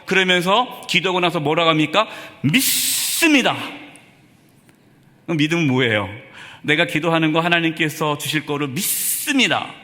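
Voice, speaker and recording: A male senior pastor delivers a Sunday sermon in a church sanctuary, firing rhetorical questions at the congregation one after another. His voice is a little high, pushed and bright, and the church hall is reverberant.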